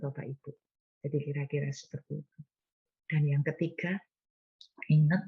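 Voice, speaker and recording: A woman's voice: sits low, breathy edge, muffled recording. A woman preacher, giving a passionate, folksy sermon straight to the congregation.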